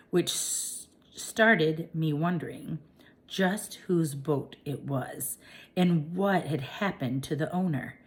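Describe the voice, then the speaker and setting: Slow low-voiced woman reading a children's book. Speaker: audiobook narrator. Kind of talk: children's audiobook narration.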